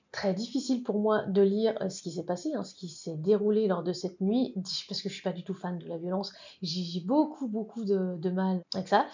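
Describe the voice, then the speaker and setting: A woman's voice: medium pitch, mellow, muffled recording. A woman hosting a casual explainer vlog, chatting with asides and hesitant fillers as she reads from her sources. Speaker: channel host.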